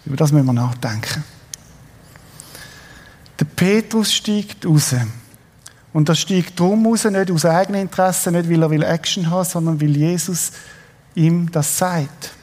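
Pausing often and speaking unhurriedly, this middle-aged Swiss German-accented pastor has a fairly high voice with a darkish tone. He tells a story with energy during his sermon and asks the congregation questions, all in a big-room sound.

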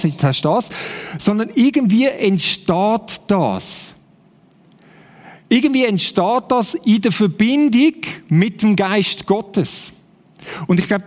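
Man, swiss german accent, sermon, chatty, keeps asking the listeners, high voice, long hall reverb. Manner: conversational, keeps asking the congregation "oder?". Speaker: preacher.

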